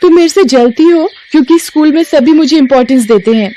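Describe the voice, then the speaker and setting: A woman voicing a naive, anxious teenage schoolgirl in a cartoon, speaking in a high, pleading girlish voice. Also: fairly quick, mellow, close to an everyday voice. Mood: carefree.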